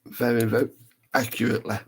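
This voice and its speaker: A man's voice: medium pitch, level tone, quick pace, gravelly, slightly rough. A man chatting casually on a live stream while painting a model, rambling and thinking aloud as he works. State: talking with a brush in his mouth.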